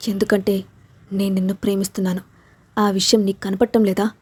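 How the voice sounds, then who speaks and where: A woman's voice: mid-range voice, little pitch movement, fairly quick, darkish tone, slightly rough, no room sound, natural voice. Woman reading as a possessive young lover. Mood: pleading. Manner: fierce, then tender. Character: intense possessive young man in love.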